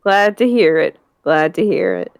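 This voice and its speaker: A woman's voice: low-pitched, wildly swooping pitch, unhurried, creaky, voice pushed down, full character voice. A woman voicing a grumpy, doting old Southern man who runs a shop, in an amateur game dub. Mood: relieved, rambling. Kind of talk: amateur video game dubbing.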